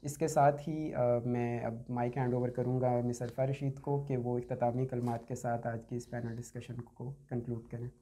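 A man's voice: mid-range voice, flat delivery, normal speed, few pauses, warm tone. A middle-aged man hosting a panel, giving formal, polite closing thanks in a small studio on a desk mic. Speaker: host. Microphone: desk boom mic.

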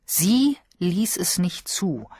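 A woman's voice: fairly low pitch, big pitch swings, extremely slow, warm tone, slightly rough, dry recording, clean studio sound, pitched above the performer's own voice, full character voice. A woman voicing a remorseful wealthy woman's farewell letter, grave and solemn, in an audiobook.

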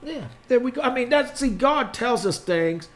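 A man's voice: very high voice, lively intonation, normal speed, fairly bright tone. A man co-hosting a casual faith conversation, encouraging and quoting scripture in old-fashioned wording. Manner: encouraging, quotes scripture in King James wording. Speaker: ministry co-host.

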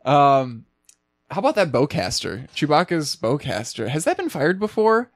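A man's voice: on the high side, very animated, normal speed, no room sound, clean studio sound. A man co-hosting a podcast, chatting casually through a film review with many fillers and frequent laughs. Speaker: podcast co-host.

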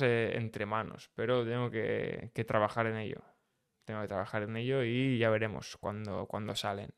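A young man from Menorca, chatting casually on a live stream as he reacts to a song, relaxed and self-deprecating, chuckling often. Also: mid-range voice, clean tone. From Menorca, Spain.

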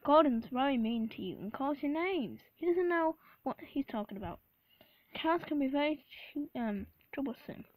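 A woman's voice: sits high, expressive, moderate pace, dry recording, poor audio. A woman voicing a friendly little male engine who comforts his friend. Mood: reassuring. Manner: reassuring.

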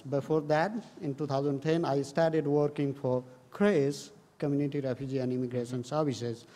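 Guy w/ a dark mellow voice at a podium mic, kinda hesitant, lots of uhs, echoey hall. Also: on the high side. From came to the US as a refugee. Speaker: refugee employment worker. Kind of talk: public comment. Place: large city council chamber. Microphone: fixed podium microphone. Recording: long hall reverb.

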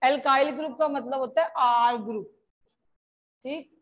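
An Indian woman teacher with a high-pitched voice gives a chemistry lecture at an unhurried pace. She moves between Hindi and English, calls her students "beta," and frequently asks whether they understand.

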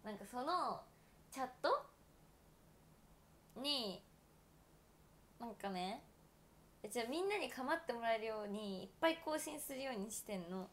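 A young woman in her twenties hosts a casual solo livestream, her voice pitched a little high. She rambles with plenty of fillers and giggles, chatting to her viewers. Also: animated, moderate pace, long pauses, fairly bright tone, slight background noise. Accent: Toyama Japanese. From Japan (Toyama). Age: 20s. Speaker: livestream host.

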